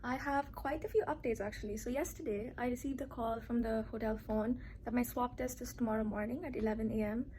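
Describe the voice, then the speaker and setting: A woman's voice: a little high, fairly even intonation, brisk, hardly any pauses, mellow, slight background noise, rough recording. A young woman from Singapore, a student vlogging casually from a hotel room, chatty and giggly with lots of "like". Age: young adult. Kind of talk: casual vlog chat.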